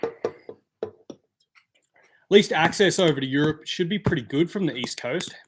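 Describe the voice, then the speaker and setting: Male streamer, slightly higher voice, easygoing chat replying to viewers. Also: animated, normal speed, slight background noise. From Australia. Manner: chatty, answers viewer comments by name. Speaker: live stream host. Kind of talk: casual live stream chat.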